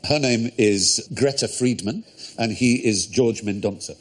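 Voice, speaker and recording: A man's voice: mid-range voice, a little slow. A man hosting a comedy quiz show in a studio, erudite and playful, relishing his words. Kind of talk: witty panel show hosting. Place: TV studio with audience.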